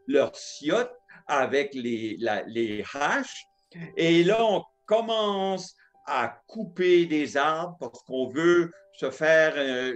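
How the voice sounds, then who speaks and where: A man telling a homespun story in a sermon, repeating phrases and acting out the dialogue. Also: fairly high pitch. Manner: homespun, repetitive, acts out the dialogue. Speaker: preacher telling a testimony.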